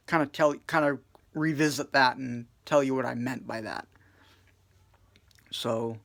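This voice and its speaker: A man giving a casual music review in a subdued, flat way, full of hesitations and fillers. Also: medium pitch. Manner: hesitant, many fillers and restarts.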